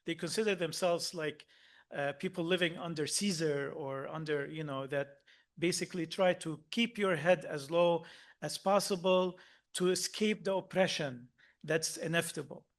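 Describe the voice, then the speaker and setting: A man originally from Lebanon giving a workshop talk, earnest and hesitant, with frequent pauses and restarts. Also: on the high side. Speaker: workshop speaker.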